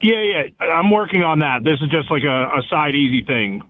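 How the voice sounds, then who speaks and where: A man's voice: on the high side, expressive, a little fast, no room sound. A man calling in to a show, brief, agreeable and matter-of-fact in his answers. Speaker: caller. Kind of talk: phone call-in conversation. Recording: dry tinny phone line.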